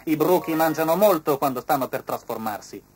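A woman voicing a clever male ant inspector who calmly explains the case in a children's story. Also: deep voice, fairly quick, slight background noise, voice pushed up. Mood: confident. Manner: confident explaining.

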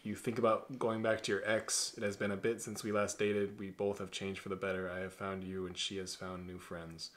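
A man in his twenties hosting a relaxed Q&A from a dim bedroom, joking around and giving blunt, direct advice. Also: sits low, a little fast, few pauses. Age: 20s. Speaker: host. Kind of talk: casual Q&A chat.

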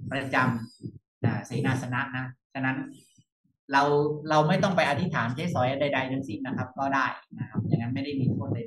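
A man, a monk, teaching monastic discipline over a video call in an unhurried way, repeating phrases and softening them with polite particles. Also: medium pitch, roomy sound, far from the mic, low-quality recording.

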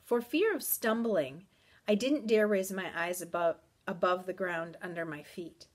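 Slow, measured woman reading aloud. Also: fairly low pitch. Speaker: teacher reading aloud to students. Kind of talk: storybook read-aloud.

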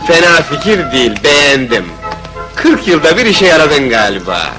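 An actor playing a haughty, bossy royal vizier who grumbles and gives orders in a fairy-tale film. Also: male voice, fairly high pitch, big pitch swings, moderate pace. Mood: condescending. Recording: old film soundtrack with music behind.

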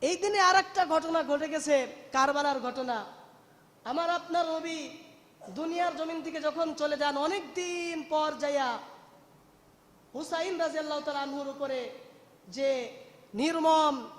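A man's voice: very high-pitched, measured pace, long pauses, a bit bright, roomy sound, long reverb tail. A man preaching a Bengali waz sermon with a Bangladeshi Bengali accent, telling the story in a melodic, rising and falling, emotional delivery.

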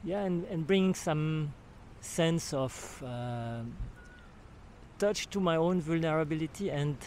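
Speaking slowly and expressively in a fairly high, darkish voice, an older man from Switzerland gives a retreat testimonial at a beach camp. He has a French accent, frequently gropes for words and starts over, and talks into a handheld recorder close to his mouth amid slight background noise.

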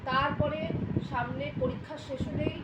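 A middle-aged woman talks in a high, lively voice, chatty and a little exasperated, as she vlogs from home. Her voice rings in a roomy space. Loud background noise runs under her words. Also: moderate pace. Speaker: vlogger. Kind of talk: casual home vlog chat. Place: home, indoors. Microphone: handheld phone camera.

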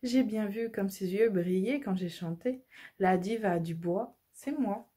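A woman's voice: medium pitch, measured pace, warm tone, slightly rough. A woman voicing a vain, boastful lark in a storybook, with a lofty manner. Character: vain, grand female lark.

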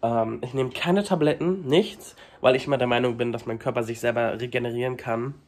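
A young adult man with a cold, congested and coughing, vlogs his day to a handheld phone at arm's length around his small kitchen and flat. His speech is halting and filler-heavy, at medium pitch with a darkish tone.

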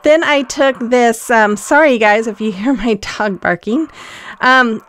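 A woman's voice: on the high side, clean tone, no room sound. A woman hosting a casual craft tutorial voice-over, chatty and rambling with frequent ums and restarts. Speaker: craft channel host.

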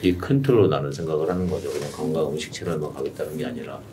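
In a small studio, a middle-aged man coaches a client one-on-one as a YouTube coach, his rumbling low voice moving very fast yet explaining steadily and patiently. The distant desk mic on a stand catches faint room noise.

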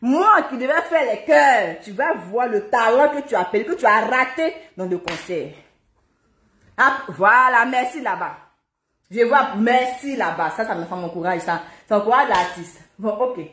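High-voiced woman, chatty and playful. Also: animated, normal speed, a bit bright, slight background noise. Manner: playful, chatty, breaks into sung worship lines. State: a little out of breath. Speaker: singer. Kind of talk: casual chat with singing. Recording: echoey room with music behind.

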